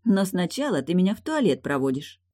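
A woman's voice: on the low side, very animated, fairly quick, dark tone, voice pushed up. A woman voicing a pregnant young princess in an audiobook, sweet on the surface and commanding underneath. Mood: sweetly bossy. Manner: sugary but commanding.

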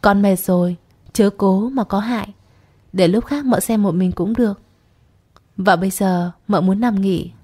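A woman voicing a gentle, caring mother in a spoken short story. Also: mid-range voice, measured pace, slightly rough.

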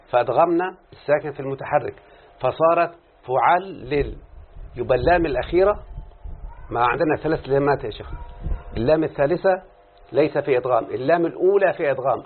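A man with an Egyptian Arabic accent teaching a classroom lesson. He keeps checking in with his students, repeats points, and stretches out syllables as he explains. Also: on the high side. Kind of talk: classroom lesson with call-and-response. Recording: tinny phone-like lo-fi sound with faint background noise.

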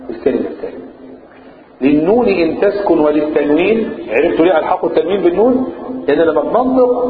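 Male sheikh with an Egyptian accent, slightly high voice, teaching a class and prompting answers; tinny, echoey recording with a crowd behind. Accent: Egyptian Arabic. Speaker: sheikh teaching Quran recitation rules. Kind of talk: classroom lesson with chanted verse.

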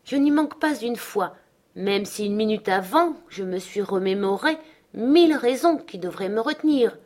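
A woman's voice: mid-range voice, expressive, moderate pace, pitched above the performer's own voice, natural voice. A woman reading aloud as a desperate, threatening man on the edge of madness. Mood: menacing. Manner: dark, threatening declamation.

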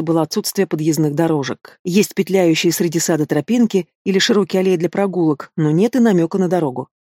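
Calm narrator reading a fantasy book, steady pace, very dry close mic. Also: medium pitch, no echo. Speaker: audiobook narrator. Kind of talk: scripted fantasy audiobook narration.

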